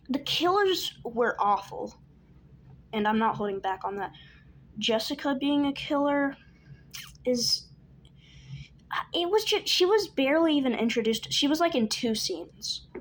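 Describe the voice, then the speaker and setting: A woman's voice: medium pitch, a little hiss or hum, poor audio. A young woman vlogging casually about films, chatty and stumbling, full of fillers and restarts. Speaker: video creator. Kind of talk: casual movie ranking vlog.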